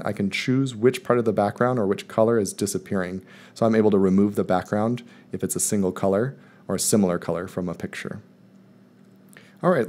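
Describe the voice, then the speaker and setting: A man calmly walking viewers step by step through a screen-recorded software tutorial, in voice-over. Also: fairly low pitch. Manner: calm step-by-step explaining. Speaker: math teacher presenting a tutorial. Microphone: voice-over recorded over screen capture.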